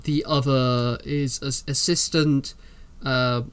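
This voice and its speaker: Guy doing a scared sucking-up noble, stammers a lot, polite but shaky, mid-pitch voice. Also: steady tone, slow pace, fairly bright tone, clean tone. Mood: nervous. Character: frightened, fawning middle-aged nobleman. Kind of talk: voicing a character in a tabletop game.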